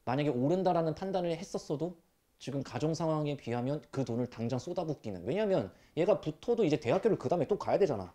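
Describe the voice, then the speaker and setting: A man teaching math to high school students, scolding them bluntly with rough language and rhetorical questions. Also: animated, quick pace, dark tone. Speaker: math tutor. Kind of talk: classroom lecture.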